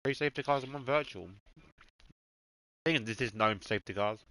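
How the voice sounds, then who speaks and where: A man streams a racing game, chatting casually and laid-back, swearing freely as he eats and talks to his dog and his chat. His mid-range voice is a little fast with a sharp tone, recorded without echo but in low quality.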